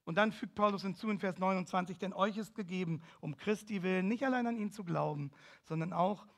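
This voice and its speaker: A man's voice: high-pitched, brisk. A man preaching a sermon, reading a story aloud and driving key phrases home with emphatic, swelling declamation. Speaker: pastor.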